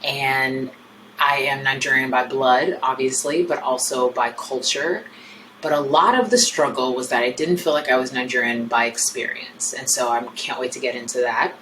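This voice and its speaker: A woman's voice: very deep voice, normal speed, fairly bright tone, recorded from a distance, slight background noise, poor audio. An American woman hosting a solo podcast, talking candidly and reflectively in a chatty way. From United States. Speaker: podcast host.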